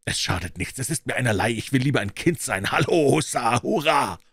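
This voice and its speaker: Male reader doing an old miser, elated, breathless exclamations; low, husky. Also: normal speed, fairly bright tone, dry recording, studio quality. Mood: eager.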